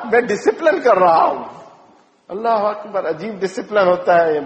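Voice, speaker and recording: A man preaches a sermon with emotion, telling stories and slowing his words for emphasis. His voice sits high for a man. It rings through an echoey hall with a long reverb tail. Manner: storytelling, emotive, slows for emphasis.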